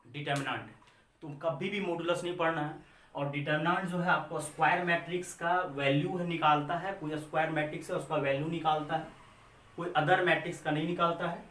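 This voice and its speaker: An Indian man teaches maths in a classroom lecture, repeating his points and answering his own questions. His voice sits a little high. The recording is roomy and echoey, with the mic set some way off. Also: fairly even intonation, brisk, a bit bright. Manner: addresses students as children. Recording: echoey room, mic far off.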